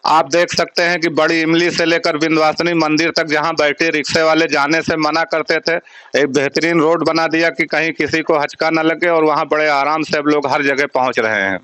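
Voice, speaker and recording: Man, local official's rep, flat insistent delivery, dry close sound, lists achievements at length. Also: a little high, normal speed, dry recording. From Uttar Pradesh, India. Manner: insistent, lists places and works in long runs. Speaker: municipal chairman's representative. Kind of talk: press interview answers.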